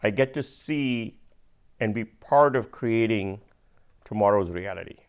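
A man with an Indian accent, a venture capitalist, explaining things patiently and with measured emphasis in casual conversation. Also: lowish voice, smooth.

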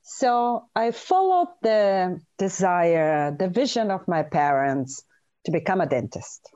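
A middle-aged Bulgarian woman, a dentist and author, tells stories as an interview guest, speaking earnestly and with emphasis. Her voice is lowish, warm and very animated, she takes her time, and the recording is muffled.

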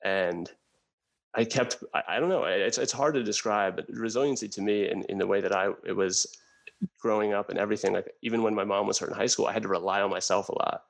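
A man in his thirties from New Jersey, telling his own hard life story as a guest in an earnest, halting way, often restarting his sentences. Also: lowish voice, gravelly, rough recording. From New Jersey, USA. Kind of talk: candid personal storytelling.

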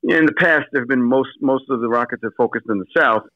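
A fast-talking man with a pushed, bright mid-range voice responds as a phone-in guest; he's an assistant pastor. Despite his speed he hesitates, with many fillers and restarts, all carried over a dry, dull lo-fi phone line.

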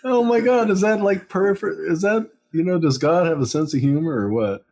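A man in casual conversation, speaking in a wry, teasing way with drawn-out phrasing. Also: sits high, a little mellow.

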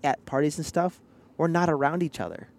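A man's voice: fairly high pitch, fairly quick, creaky, a little hiss or hum. Playful man in casual podcast chat. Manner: teasing, playful storytelling with acted-out quotes. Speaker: podcast co-host.

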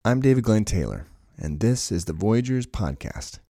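A man with a low, deep voice hosts a podcast interview from his home, talking with enthusiasm and wandering into long, rambling anecdotes. Faint music sits underneath in places. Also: big pitch swings, normal speed, dark tone. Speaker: podcast host. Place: home in Hawaii.

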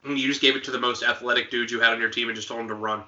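Man cohosting a sports podcast, bright voice, quizzes his buddy and cracks jokes. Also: mid-range voice, little pitch movement, highs cut off. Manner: quizzing, joking, quick asides. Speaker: podcast co-host. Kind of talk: casual sports chat.

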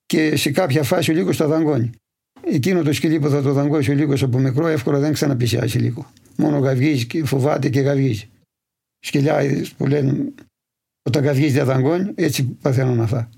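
A livestock farmer from Imathia, answering interview questions in detailed, steady storytelling. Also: male voice, medium pitch, gravelly, husky. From Imathia, Greece.

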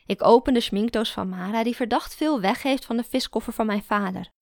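A woman narrating a first-person story in a calm, even storytelling manner. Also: fairly high pitch, brisk, gravelly, no room sound, clean studio sound. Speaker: audiobook narrator.

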